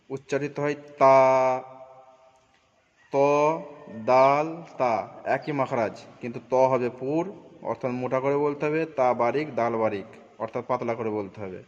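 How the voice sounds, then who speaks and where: A male Quran teacher with a mid-pitched voice drills letter sounds slowly, saying each one again and again. The recording sounds dull and muffled, and a long reverb trails after his words, as in a large echoing hall. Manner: slow, repeats each sound drill several times. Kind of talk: Quran pronunciation lesson.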